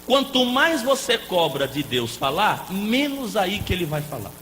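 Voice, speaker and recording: A man preaching a lively sermon as a pastor, playful and joking with the congregation. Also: sits high, unhurried. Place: church hall. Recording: echoey hall with faint noise.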